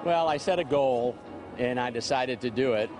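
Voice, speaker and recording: An older man in his seventies from central New York, speaking plainly and steadily into a reporter's mic. Music plays clearly behind him in the busy mall. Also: medium pitch, moderate pace. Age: 70s. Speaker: interviewee. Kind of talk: casual interview answers. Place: large indoor shopping mall. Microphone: reporter's handheld mic. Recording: music in background.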